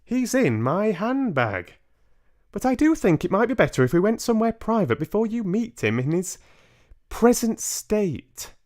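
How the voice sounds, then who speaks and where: Man doing old granny, high pitch, polite, careful, insistent, storybook character, unhurried. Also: big pitch swings, a little mellow. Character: polite but firm elderly grandmother.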